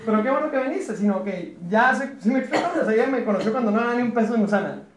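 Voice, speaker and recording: Chatty Mexican man pitching a business. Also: racing, crowd noise. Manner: chatty, questioning the room, joking. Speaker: business opportunity presenter. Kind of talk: live sales presentation to a small group. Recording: roomy echo.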